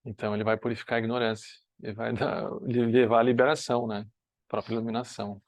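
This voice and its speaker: A man's voice: medium pitch, level tone, fast, no echo. A man with a northern Brazilian accent teaching a Buddhist study group in a conversational way, often checking in with his listeners. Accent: Brazilian Portuguese, northern (uses "tu"). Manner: conversational, often asks "né?", with dips to soft quiet asides. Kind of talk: relaxed spoken teaching talk.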